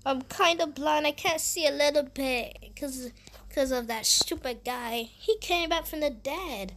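A woman voicing her game character, narrating her own actions playfully and repeating phrases excitably. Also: high voice, unhurried. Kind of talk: playful game voice-over role-play.

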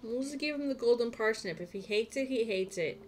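A woman with a fairly high, slightly mellow voice streams a farming game live, speaking in an animated, brisk way. She rambles and talks to herself as she plays, keeping the gameplay chat casual.

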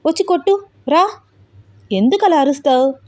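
Brief: fearless young hero, unhurried and taunting, woman storyteller reads him. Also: sits high, expressive, darkish tone, voice pushed up. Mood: coolly mocking. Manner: cool, mocking, unhurried. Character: calm fearless young man, mocking fighter.

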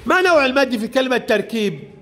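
Male teacher, high and animated voice, short prompts and praise for young pupils in a classroom reading lesson. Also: fast. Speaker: primary school teacher.

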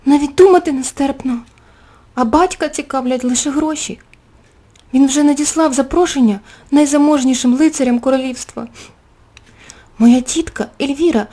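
A woman's voice: warm tone, lightly acted. Woman voicing a tearful young princess. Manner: high, pleading, close to tears.

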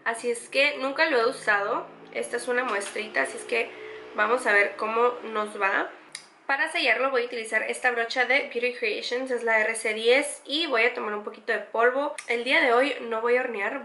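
A woman's voice: on the high side, normal speed, pushed and bright, echoey room. A pregnant young woman walks through a makeup tutorial, chatty and enthusiastic, repeating words for emphasis. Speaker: beauty vlogger.

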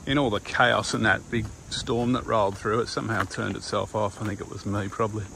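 A man's voice: fairly low pitch, steady tone, a little fast, bright, forceful tone. An older man around his sixties with an Australian accent chats casually and colloquially as he records a walking vlog. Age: older, around 60s. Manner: laid-back, rambling, colloquial. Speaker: vlogger. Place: outdoors on a windy coastal walking path. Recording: clear wind and outdoor ambient noise.

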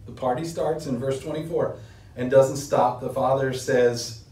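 A man's voice: fairly even intonation, measured pace, warm tone, distant mic. A middle-aged man preaching a sermon at a lectern, earnest and building force on key points. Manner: earnest preaching, rising in pitch and force when stressing points. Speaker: pastor. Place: small indoor room, standing at a lectern. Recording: roomy echo, voice set back from the mic.

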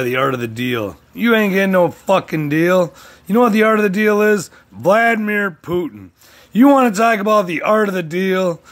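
A man vlogging in a crude, profane rant, swinging between shouting and low muttering. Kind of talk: profane ranting commentary.

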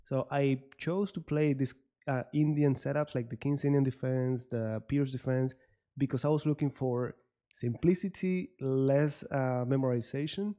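A young Cuban man in his twenties, a chess coach, hosts a relaxed interview chat over a video call from a small room at home. He speaks at a normal speed in a mellow, steady, mid-range voice. He uses a desk microphone on a boom arm.

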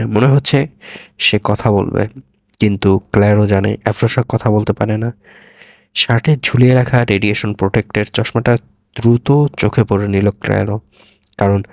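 A man reads a scripted horror story in a measured, dramatic way. His voice is on the low side, and the recording is dry and close with no echo. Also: creaky.

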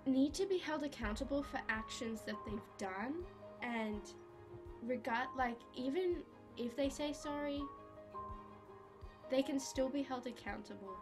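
A teenage girl gives her view casually, dropping "like" often. Her voice is high, with music clearly audible behind her. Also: unhurried. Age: teens. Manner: casual, uses 'like' often.

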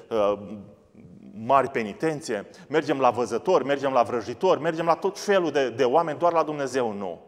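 A man's voice: mid-range voice, long reverb tail. A man preaching a sermon, asking and answering his own questions as he goes. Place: church studio.

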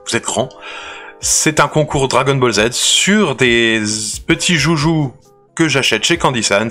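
A man's voice: medium pitch, fairly bright tone. A man hosting a casual unboxing video, chatty and playful, often restarting his sentences. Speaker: unboxing channel host.

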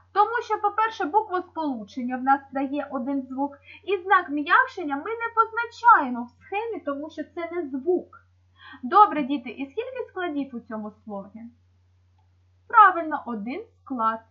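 Patient high-voiced woman teaching children. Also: muffled recording. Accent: Ukrainian. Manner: patient, explains step by step. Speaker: primary school teacher. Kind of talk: video lesson for young children.

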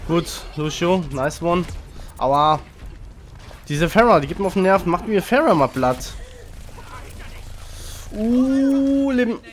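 A man commentating his own online shooter match, frantic and loud, urging his team on and cursing opponents. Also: high voice, animated, slow pace, pauses often. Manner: frantic, urging teammates, swearing at enemies. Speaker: gaming channel host. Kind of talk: excited live game commentary.

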